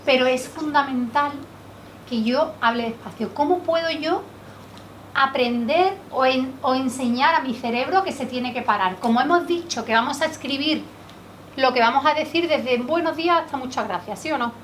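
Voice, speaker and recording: High-voiced trainer from Spain, distant mic. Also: female voice, normal speed. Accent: Spanish from Spain. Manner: lively, asks the group rhetorical questions. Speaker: workshop trainer. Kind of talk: public speaking workshop. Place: indoor training room. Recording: distant mic, faint background noise.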